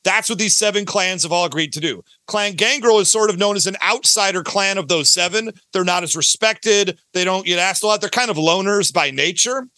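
Talking a little fast and barely pausing, the audio drama creator on this podcast has a high, pushed, bright voice. He's casual, talkative and forceful, driving points home through repeated phrases, and the sound has no echo.

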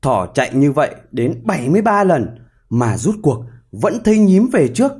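A man narrating a fable in an expressive, animated storytelling style. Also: a little high, moderate pace, husky.

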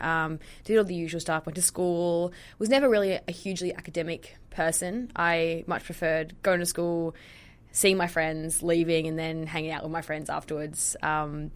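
Guest, young Australian woman, deep voice, relaxed chatty telling. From Tasmania, Australia. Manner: chatty, frequent ums. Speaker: guest dietitian. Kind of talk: casual interview.

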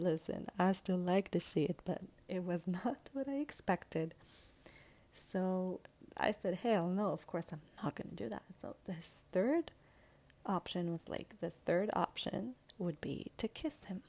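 A woman's voice: fairly low pitch, takes it slowly, darkish tone. A young woman vlogger telling a personal story to her viewers in a sassy, casual way, full of slang, swearing and filler words.

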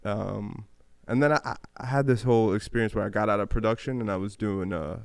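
A man's voice: lowish voice, fairly even intonation, brisk, gravelly, clear, resonant tone, no echo. A man hosting a casual conversation, talking in loose slang with lots of fillers and restarts. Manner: slangy, rambling, many fillers.

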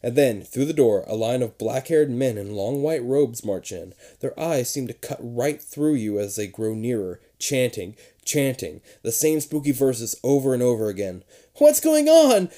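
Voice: medium pitch, moderate pace, few pauses, dark tone. A playful narrator giving a theatrical read-aloud of a children's horror gamebook.

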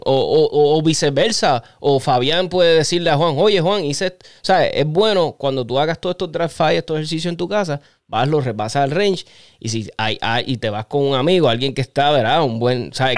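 A man with a Puerto Rican accent hosting a casual chat, rambling through animated stories full of slang. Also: a little high, fairly quick, clear, resonant tone, no echo, clean studio sound. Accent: Puerto Rican Spanish.

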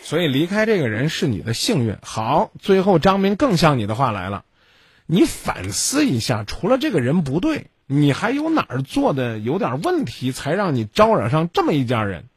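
A man hosts a radio advice line, and his voice swings widely up and down as he lectures. He is blunt and scolding and cuts in constantly. The sound is husky and dry, close to the mic. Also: fairly high pitch, huge pitch swings, moderate pace, no room sound. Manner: blunt, scolding, interrupts the caller. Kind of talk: call-in advice show.

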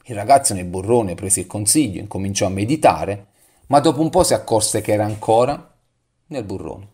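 Lowish-voiced Italian man preaching reflectively. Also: animated, moderate pace, mellow, slightly rough. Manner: reflective, asks the listener direct questions. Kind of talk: devotional sermon reading and reflecting on scripture.

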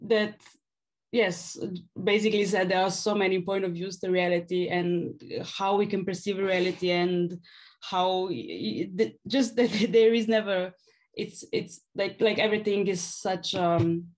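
A woman from Slovenia with a Slovenian accent, talking haltingly as an interview guest and often searching for words. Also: medium pitch, fairly even intonation, darkish tone. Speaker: podcast guest, philosophy PhD student and stand-up comedian. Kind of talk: casual interview conversation.

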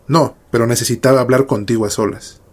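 A man's voice: medium pitch, fairly even intonation, fairly quick, lightly acted. A man voicing a desperate, cursed young woman who speaks coldly and threateningly in a horror story reading. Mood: pleading. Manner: cold, threatening.

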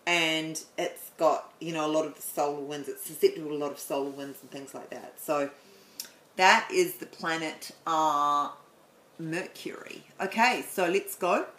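A woman explaining the planets in a chatty way, then leading a guided meditation with slow, soothing instructions and some stumbles. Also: deep voice, fairly bright tone, reverberant, poor audio. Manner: chatty, apologetic, stumbles over words.

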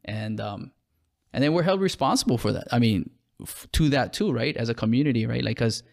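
A man's voice: medium pitch, lively intonation, vocal fry. A man from Hawaii with a Hawaiian accent, chatting casually on a podcast, full of restarts and fillers. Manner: halting, many restarts and fillers. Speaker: podcast co-host, clothing brand owner.

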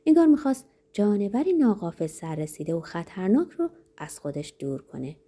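Brief: woman audiobook narrator, mellow husky voice, dramatic read. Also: medium pitch, sing-song. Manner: dramatic, varied delivery.

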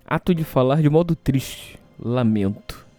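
A man's voice: medium pitch, animated, unhurried, dark tone, faint music behind. A hungover Brazilian man hosting a casual solo show, rambling and hesitant as he talks. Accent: Brazilian Portuguese.

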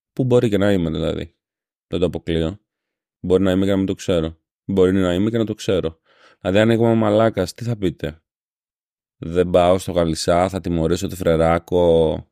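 A Greek man with a Syros island accent hosts a casual monologue podcast, sounding a little ill and grumbling as he tells a story with sarcasm. His voice is low, gravelly, and dark. The studio-quality sound from his home podcast microphone has no echo.

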